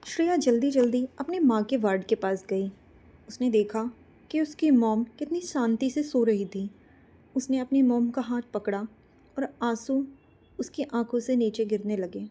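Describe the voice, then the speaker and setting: A woman's voice: on the high side, measured pace, mellow. A woman narrating an emotional story in an earnest, heartfelt manner.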